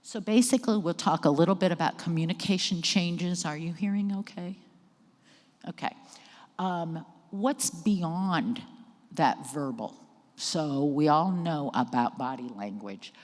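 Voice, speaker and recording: A woman's voice: low voice, a little mellow. A middle-aged woman giving an educational presentation on caregiving, speaking conversationally to a live audience in a church hall. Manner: conversational, checks in with the audience and cues slides. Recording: long hall reverb.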